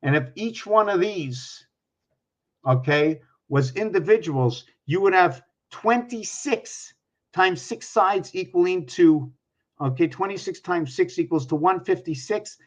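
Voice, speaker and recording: A man's voice: sits high, lively intonation, measured pace. A man in his sixties giving a rambling explanatory monologue, working through sums aloud, pointing at objects and putting questions to the viewer. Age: 60s. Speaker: numerology speaker. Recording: dull lo-fi recording.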